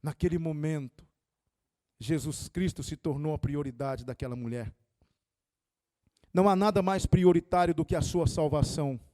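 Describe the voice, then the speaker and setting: A man's voice: a little high, normal speed, long pauses, darkish tone, no echo, clean studio sound. A male pastor, preaching an impassioned sermon that swells and drops. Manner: impassioned, rising and falling dynamics.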